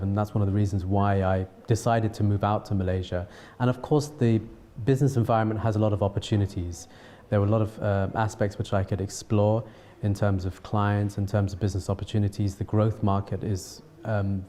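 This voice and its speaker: A man from south-east England with a Home Counties accent, giving an unscripted account as an interviewee in a measured, hesitant way with frequent pauses and repeats. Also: fairly low pitch, steady tone, mellow, slight background noise. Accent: Home Counties English. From south-east England, London and Surrey. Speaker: interviewee, television producer and filmmaker. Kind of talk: unscripted talking-to-camera account.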